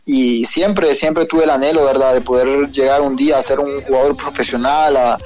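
A man's voice: mid-range voice, fairly even intonation, moderate pace, darkish tone, soft background music. A young man with a Honduran accent, a guest on a phone call, speaking hesitantly with many fillers and frequent religious phrases. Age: young adult. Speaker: guest, professional footballer. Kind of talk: phone interview.

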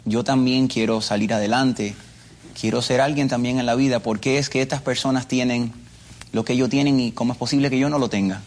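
A Cuban man speaking with a Cuban Spanish accent gives earnest personal testimony as an interview guest, often repeating his phrases. His mid-range voice is brisk and darkish, with fairly even intonation.

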